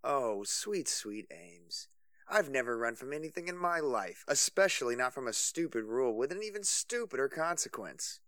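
A man's voice: mid-range voice, sing-song, normal speed, fairly bright tone, no echo, clean studio sound. A man voicing a cocky, charming radio host who talks in a flippant, breezy way.

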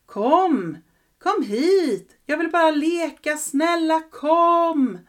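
A woman voicing a see-through ghost boy who begs and coaxes another child to come and play. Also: animated. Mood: pleading. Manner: high, urgent and coaxing. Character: ghostly young boy, eager and pleading.

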